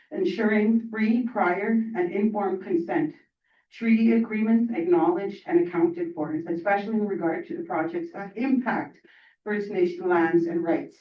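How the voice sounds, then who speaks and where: A man reading out a list of demands in a measured, declarative way at a public panel. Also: sits high. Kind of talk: reading out a statement. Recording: echoey room, from far off, dull.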